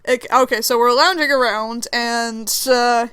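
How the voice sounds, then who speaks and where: A young woman with a high, smooth voice, recorded close and dry, tells a made-up story with a friend. She giggles often and slips into quick acted-out lines for each character. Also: no room sound. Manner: giggly, animated, acting out quoted lines. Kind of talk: improvised storytelling.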